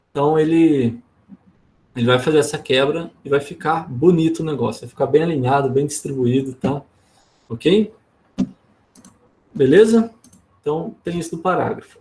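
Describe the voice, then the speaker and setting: A man with a Brazilian Portuguese accent teaching an online workshop. His voice sits somewhat high and has a gravelly edge. He explains in a relaxed way and keeps checking in with his listeners. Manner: casual, explanatory, frequent tag questions. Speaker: instructor.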